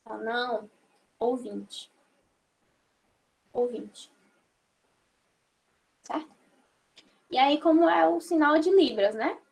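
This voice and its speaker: Slow and patient, this young Brazilian woman explains a sign language class online one step at a time, frequently checking in with the class. She speaks in a high voice with vocal fry and a darkish tone.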